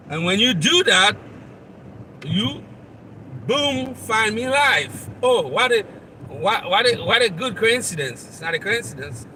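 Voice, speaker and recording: A man from Haiti with a Haitian accent, hosting a live motivational talk and speaking straight to the listener in an earnest, repetitive way. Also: sits high. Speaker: motivational coach and channel host. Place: outdoors near traffic, on the road. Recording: distant mic with loud traffic noise.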